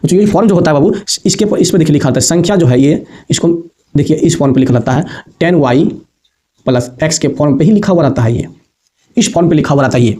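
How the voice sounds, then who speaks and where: A man's voice: fairly high pitch, expressive, fast talker, warm tone. A man teaching a basic maths lesson to students, repeating points patiently and calling them affectionately. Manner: repetitive, addresses students as babu and bachchon.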